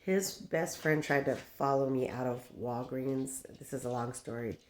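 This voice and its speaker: With an extremely low, darkish voice at a moderate pace, a woman in her fifties chats to her vlog audience in a rambling, casual way. She laughs often, drifts between anecdotes, and baby-talks to her dog, with slight background noise behind her.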